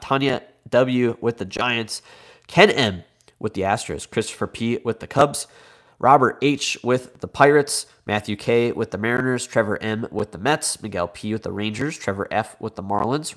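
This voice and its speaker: A lowish-voiced man with a Midwestern American accent hosts a live card break, sounding slightly congested from a cold. He's chatty and upbeat as he reads out names and teams.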